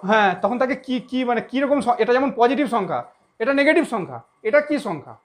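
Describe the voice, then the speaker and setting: A woman's voice: on the high side, very animated, quick pace. A woman teaching a math lesson, who repeats her points and keeps asking if she was understood. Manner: repetitive, keeps checking understanding.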